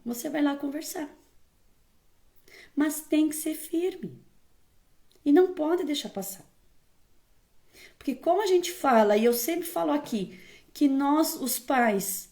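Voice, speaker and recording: A woman's voice: sits high, darkish tone. A woman speaking as a parenting educator, giving firm, emphatic advice to viewers in a casual tone and often checking in with the listener.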